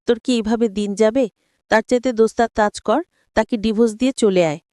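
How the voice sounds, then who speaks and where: A woman's voice: on the high side, fairly even intonation, fairly quick, warm tone, dry recording, clean studio sound, natural voice. A woman voicing the narrator's playful, teasing young female best friend in a spoken story. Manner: playful, giggly.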